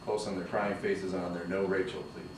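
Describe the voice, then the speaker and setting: At a screenplay table read, a man reads the stage directions aloud, delivering the action lines steadily and evenly. His voice is deep and a little fast. The recording comes from far off in an echoey, noisy room.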